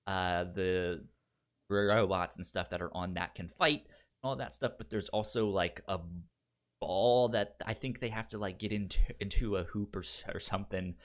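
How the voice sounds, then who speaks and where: A low-pitched man at a moderate pace chats casually about films as a podcast host offering recommendations. He stutters and repeats syllables and words as he goes.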